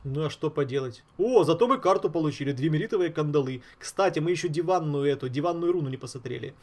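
A man's voice: fairly high pitch, fast talker. A man giving casual, slangy gameplay commentary, thinking aloud and repeating himself. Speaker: gaming streamer. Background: game music.

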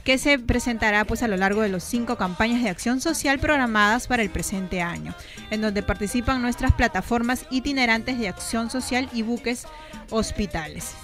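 A woman's voice: on the high side, moderate pace, fairly bright tone, soft background music. A woman co-hosting a radio show with a Peruvian accent, chatting and reading news with frequent "¿no?" fillers. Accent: Peruvian Spanish. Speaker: radio co-host.

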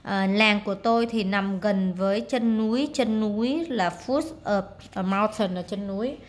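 A woman's voice: mid-range voice, normal speed, slight background noise. Female teacher, casual exam walkthrough, chatty with fillers. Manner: casual, many fillers, reads words aloud and translates. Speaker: English teacher.

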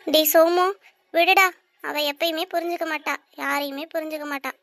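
A woman voicing a cheeky, shrill little cartoon girl. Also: fairly even intonation, moderate pace, a bit bright, dry recording. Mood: scornful. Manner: teasing, scolding, chatty asides to viewers. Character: cheeky young girl, bold and sharp-tongued. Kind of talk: cartoon voice acting.

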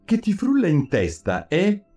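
A man's voice: high voice, huge pitch swings, measured pace, a little mellow, soft background music, pitched above the performer's own voice, heavily acted. A man voicing a touchy male mouse who speaks severely and scolds in a storybook reading. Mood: indignant.

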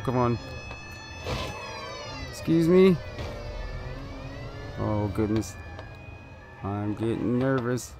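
A man's voice: medium pitch, background noise. A man giving live commentary while playing a driving game, nervous and pleading as he keeps urging the car on. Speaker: gaming video creator.

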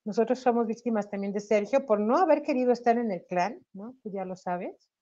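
A slightly high-voiced woman, a singer with a Mexican accent, speaks briskly in a video call interview from home. Her webcam audio is dull. She's animated and laughs while talking, uses tag questions, and has a slight cough and sore throat.

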